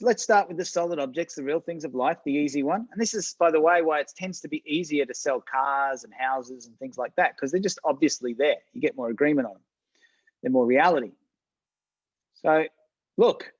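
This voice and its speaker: A man's voice: on the high side, moderate pace, dry recording, muffled recording. A man coaching a business workshop in a casual, chatty way, often restarting sentences and checking in with his listeners. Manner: casual, chatty, repeats words, restarts sentences, addresses audience directly. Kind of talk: online workshop presentation.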